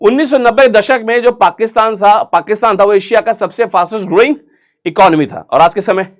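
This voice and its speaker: A young man with a fairly high voice teaches vocabulary online, quizzing his listeners and answering himself. He jokes as he goes, and his English words carry an Indian accent. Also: a little fast. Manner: chatty, jokey, asks and answers his own questions. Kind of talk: online exam-prep vocabulary lesson.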